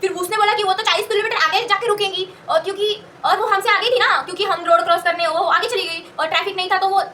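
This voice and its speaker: A woman's voice: extremely high pitch, fast, hardly any pauses, sharp tone, distant mic, slight background noise. A young woman telling a casual story, rambling and correcting herself as she goes. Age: young adult. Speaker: college student telling a story.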